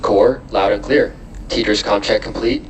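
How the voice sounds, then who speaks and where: Mission control guy on astronaut radio, gravelly, clipped, sounds distant. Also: on the low side, moderate pace. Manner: clipped, formal phrasing. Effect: radio transmission. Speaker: mission communicator. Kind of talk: astronaut radio announcements, procedural. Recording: distant radio with faint noise.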